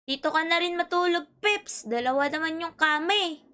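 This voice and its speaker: A woman with an extremely high, squeaky voice hosts a playful game role-play. She talks politely and excitably and keeps fussing over her friend. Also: normal speed.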